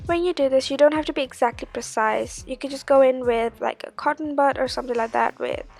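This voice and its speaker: A woman's voice: sits high, gravelly. A woman giving a casual, chatty makeup tutorial, explaining step by step. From Sri Lanka.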